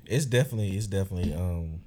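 A man's voice: sits low, rapid-fire, warm tone. A man co-hosting a casual podcast chat, speaking in a laid-back, profane way. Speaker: podcast co-host.

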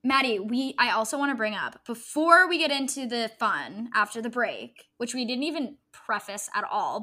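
A woman's voice: a little high, sharp tone. A woman co-hosting a sports podcast in casual chat, joking and playful. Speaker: podcast co-host.

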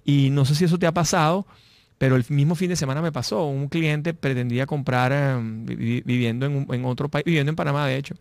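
A middle-aged man with a Venezuelan accent, a guest speaking in a casual interview, animated, repeating and restarting his words. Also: mid-range voice, a little fast, vocal fry, no echo. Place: lives in Madrid.

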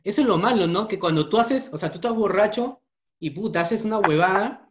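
A man's voice: high voice, a little fast. A man trading crude banter in casual chat, swearing often. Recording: dull lo-fi sound.

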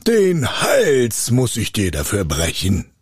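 A man's voice: wildly swooping pitch, takes it slowly, husky, no echo, clean studio sound, full character voice. Man doing Mercurius, a boastful bottle spirit. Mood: threatening. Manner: booming threats, whining pleas. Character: huge boastful male bottle spirit, menacing yet wheedling.

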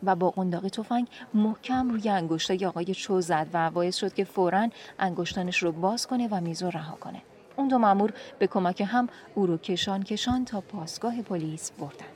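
A woman calmly narrating a story in an even reading voice. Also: medium pitch.

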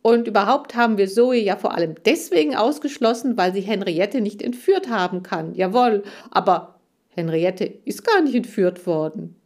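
A woman voicing a feisty, boastful male hamster detective in an audiobook, ranting loudly and eagerly. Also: medium pitch, moderate pace. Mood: indignant ranting. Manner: ranting, animated and loud. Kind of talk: audiobook character voice.

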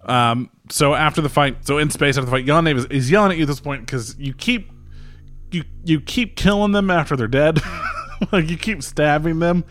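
A man's voice: a little high, normal speed, fairly bright tone. A man narrating as game master in casual, loose talk, laughing often and swearing freely.

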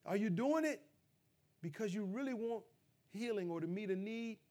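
High-voiced, impassioned preaching man. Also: expressive, normal speed. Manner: preaching, swings from loud emphatic peaks to low, quiet asides. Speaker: pastor. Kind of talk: sermon.

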